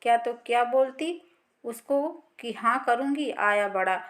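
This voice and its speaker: A woman voicing a spirited, teasing young woman about to marry, talking quickly and indignantly in a read-aloud Hindi story. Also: fairly high pitch, close to an everyday voice. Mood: complaining.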